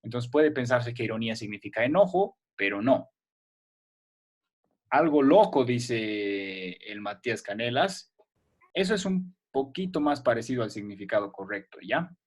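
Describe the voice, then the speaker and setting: A man's voice: medium pitch, lively intonation, moderate pace, darkish tone. A male teacher giving a remote class to children, explaining patiently step by step and checking often that they follow.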